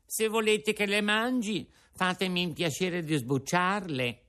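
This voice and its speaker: A man's voice: high-pitched, a little slow, sharp tone, voice pushed up. Pinocchio, a whiny puppet boy, as a man puts him on. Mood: fussy. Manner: whining, pleading, sobbing.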